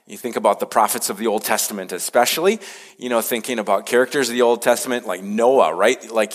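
A man preaching a conversational sermon as a pastor, animated when he acts out scripture. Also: medium pitch. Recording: hall reverb.

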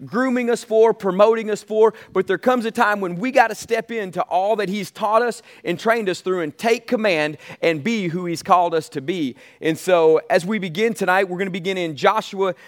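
High-voiced American man preaching a sermon. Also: moderate pace, hardly any pauses. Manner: exhortative, calls on listeners to say amen; emphatic repetition of key phrases. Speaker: pastor preaching to a congregation.

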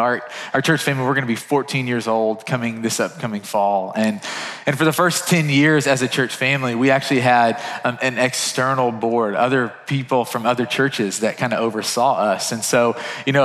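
A man's voice: medium pitch, a bit bright. A man speaking as a pastor, giving an informal, conversational announcement to his congregation. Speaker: pastor hosting a church service. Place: large indoor church gathering room. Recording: reverberant hall, amplified speech.

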